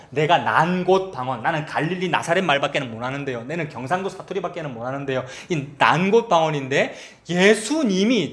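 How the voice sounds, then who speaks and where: A man preaching a sermon as pastor, conversational and asking his congregation questions. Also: sits high.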